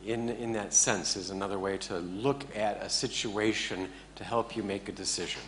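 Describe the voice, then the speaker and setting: A man teaching a class in a relaxed, joking way, often checking in with his listeners. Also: fairly low pitch, normal speed, a little hiss or hum. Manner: joking, conversational, keeps checking in with the audience. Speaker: meditation teacher. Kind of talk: informal talk to a class.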